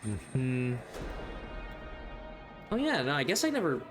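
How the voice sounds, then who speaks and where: A man with a mid-pitched voice gives casual gameplay commentary. He muses and hesitates as he thinks through choices, with game music clearly playing behind him. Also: wildly swooping pitch, takes it slowly. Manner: hesitant, musing, thinking aloud. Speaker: gaming video host.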